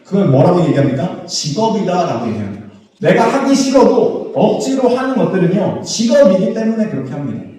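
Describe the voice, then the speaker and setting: Pastor guy giving a sermon, kinda high voice, sounds far off the mic in a big echoey hall. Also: sing-song, brisk, mellow. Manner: asks the congregation questions and answers them. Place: church sanctuary. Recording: echoey church hall, voice from a distance.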